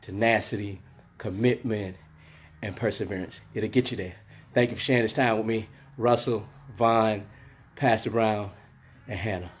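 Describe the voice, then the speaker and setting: A man's voice: fairly low pitch, fairly even intonation, moderate pace, slight background noise. Man under the weather giving a rambling pep talk. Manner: rambling, repetitive pep talk with many fillers. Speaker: host of a daily motivational live stream and salon owner. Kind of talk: casual motivational live-stream talk. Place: inside his closed hair salon.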